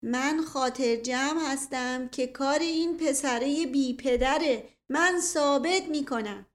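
A woman's voice: high-pitched, voice pushed up, natural voice. A woman voicing a spiteful young man in a storybook who whines out his accusations.

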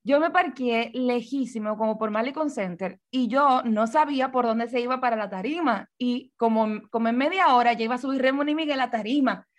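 A young woman with a Dominican accent, telling a story as a guest in a casual chat, animated and full of fillers. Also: a little high, a little fast, few pauses. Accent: Dominican Spanish. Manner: animated, many fillers and restarts.

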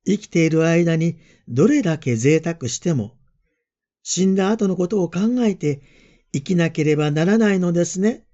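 Calm, mellow Japanese priest giving a homily. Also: male voice, fairly high pitch. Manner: calm, reflective, measured delivery. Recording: dull lo-fi voice message.

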